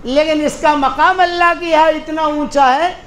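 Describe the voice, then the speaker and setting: A male preacher with a notably high voice delivers a storytelling sermon, speaking plainly and circling back to repeat his key phrases. The sound is roomy and echoing, with faint traffic noise underneath. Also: steady tone, a bit bright. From India.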